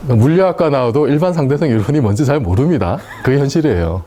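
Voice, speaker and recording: A man's voice: medium pitch, animated, fast, mellow. A man giving a university lecture in a casual, chatty way, often asking the class questions and laughing at his own points. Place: lecture room.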